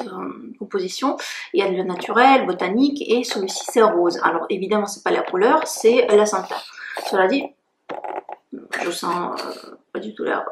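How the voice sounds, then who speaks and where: A French woman blogger giving a frank, chatty review of beauty products she has used up, blunt and self-mocking. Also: medium pitch. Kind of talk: casual talking-head review. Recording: echoey room with faint noise.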